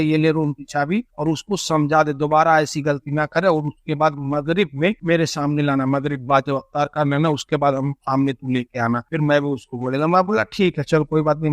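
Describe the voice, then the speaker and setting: A man's voice: fairly high pitch, no room sound, studio quality. A young man vlogging in a casual, chatty way, retelling a whole conversation line by line in quotes. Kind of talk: casual storytelling vlog.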